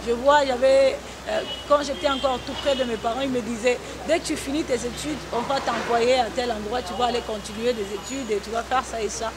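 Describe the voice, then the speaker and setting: Interviewed on a talk show, a gospel singer who grew up where Congo meets Zambia answers earnestly in testimonial fashion, with hesitant restarts. Her slightly high, steady voice moves briskly with few pauses, and the broadcast recording is noisy.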